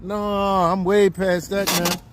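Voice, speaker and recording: Fifty yr old guy livestreaming on the street, fairly high voice, chatty with viewers, faint traffic behind. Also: little pitch movement, slow pace. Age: 50s. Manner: chatty, talks straight to viewers. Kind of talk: casual live-stream chat. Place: outdoors on a city street. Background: faint street and traffic noise.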